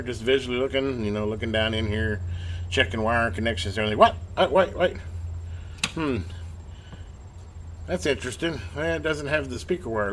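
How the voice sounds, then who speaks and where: In a clearly noisy amateur workbench video, a repair hobbyist gives a casual, hands-on demonstration. His medium-pitched voice is a bit bright, and he's informal and folksy, thinking aloud as he works.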